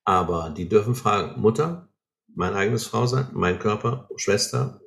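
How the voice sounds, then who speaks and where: A man's voice: on the low side, a little slow, creaky, fairly bright tone. A man explaining ideas in an earnest way, often checking in with short tags like "right?", in a conversation. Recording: roomy echo.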